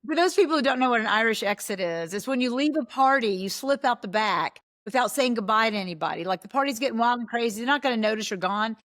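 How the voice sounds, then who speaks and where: With a fairly high, bright voice, this podcast host and coach talks fast and animatedly, hardly pausing, as she enthusiastically questions her guest over a video call in a casual interview.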